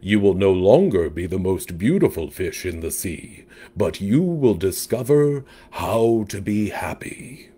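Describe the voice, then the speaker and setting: A man voicing a mysterious, solemn male octopus with a deep voice in a storybook. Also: animated, dark tone, slightly rough, heavily acted. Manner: slow, solemn.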